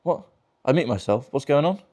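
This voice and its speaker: Swearing, teasing young comedian, dark voice. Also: male voice, medium pitch, lively intonation, fairly quick. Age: 20s. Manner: crude, teasing, laughs often. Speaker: stand-up comedian doing crowd work. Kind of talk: crowd work in a virtual reality comedy show.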